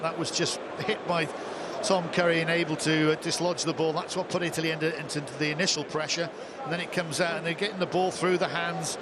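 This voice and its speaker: A man's voice: on the high side, level tone, fairly quick, hardly any pauses. A man giving live rugby co-commentary, chatty and opinionated, with homely sayings, in a cold outdoor stadium. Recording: commentary over loud stadium crowd and noise.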